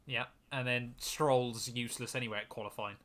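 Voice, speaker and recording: A man's voice: medium pitch, steady tone, moderate pace, crowd noise. A young man co-hosting a casual motorsport podcast, chatty and self-mocking. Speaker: podcast co-host. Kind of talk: casual chat.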